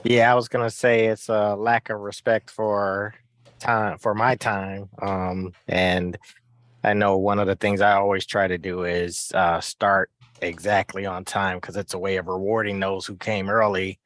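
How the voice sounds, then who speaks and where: A man with a low voice joins a video-call discussion and shares his own experience. He speaks haltingly, with ums and small restarts. The sound is close and dry. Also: little pitch movement, fairly bright tone, no echo. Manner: hesitant, many ums and restarts. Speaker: meeting participant. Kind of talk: casual chat.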